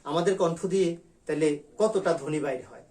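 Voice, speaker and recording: A male teacher teaches an online grammar class. His voice sits a little high, and he repeats each vowel sound slowly so students can drill it. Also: a little mellow. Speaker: school teacher.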